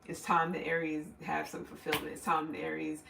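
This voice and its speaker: A man's voice: on the high side, monotone, fairly quick, vocal fry, echoey room, far from the mic, background noise. A man giving a casual, rambling tarot reading, swearing freely and laughing often. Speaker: tarot reader.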